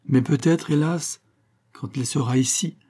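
A scheming false countess, as a male reader puts her on, pleading and theatrical, her voice pitched up above his own. The tone stays husky and dark underneath, an audiobook character reading. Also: a little slow. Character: scheming woman posing as a countess.

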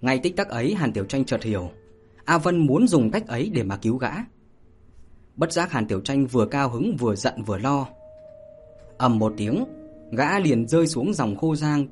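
Husky male storyteller over soft music. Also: mid-range voice. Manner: steady storytelling with spoken fillers. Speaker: audiobook narrator. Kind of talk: martial arts novel read aloud. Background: faint music.

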